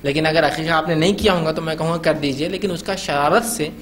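A man's voice: fairly high pitch, steady tone, quick pace, a bit bright, slight background noise. A man giving an informal lecture on parenting, acting out the lines parents say to children. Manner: conversational, acts out parents' scolding lines. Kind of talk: informal talk to an audience.

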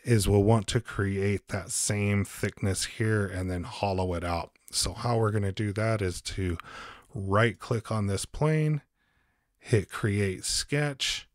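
A man giving a calm step-by-step software tutorial as host, with frequent ums. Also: lowish voice, takes it slowly, dry recording, studio quality. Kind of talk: screen-recorded software tutorial.

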